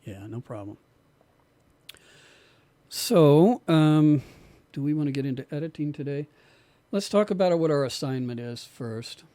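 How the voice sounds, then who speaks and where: A man teaches an online recording class in a dark, mellow voice that is a bit worn from losing it. His talk is relaxed and loose, with repeated words as he explains. The sound is dry and close. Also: fairly high pitch, a little slow, pauses often, dry recording. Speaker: music production instructor.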